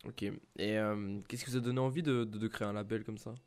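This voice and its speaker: A man playing a polite music journalist in a role-play interview, asking formal, halting questions. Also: on the low side, steady tone, a little mellow, lightly acted.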